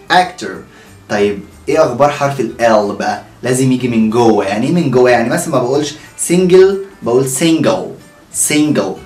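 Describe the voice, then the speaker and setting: Lively Egyptian man teaching pronunciation. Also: mid-range voice, reverberant. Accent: Egyptian Arabic. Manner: energetic, repeats words slowly and checks with "okay?". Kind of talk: online lesson, modelling word pronunciation.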